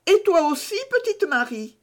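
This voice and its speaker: A woman's voice: high-pitched, big pitch swings, moderate pace, pitched above the performer's own voice. A woman voicing a curious, eager little peasant boy in an audiobook reading. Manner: eager, questioning.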